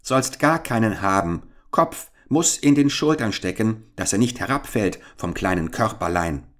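A man reading a fairy-tale audiobook, voicing a hoarse, spiteful old witch who mutters, mocks and repeats her words in a sing-song. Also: lowish voice, animated, a little slow, a bit bright, voice pushed up. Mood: mocking, grumbling.

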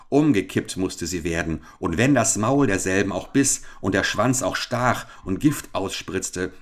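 A man narrates an old adventure storybook for an audiobook. His voice sits on the low side, and he tells the tale in a measured, dramatic manner.

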